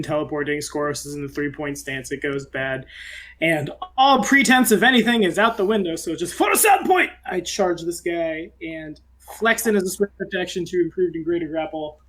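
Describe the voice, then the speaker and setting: A man's voice: on the high side, moderate pace, a bit bright. A man playing a tabletop game, casually chatting and narrating his moves.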